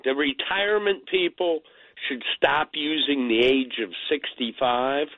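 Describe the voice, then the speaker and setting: A man's voice: medium pitch, a little slow, no room sound. A man calling in to a radio show over the phone. He talks insistently and corrects others bluntly. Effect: phone call heard over the radio. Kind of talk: call-in radio conversation. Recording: tinny phone line.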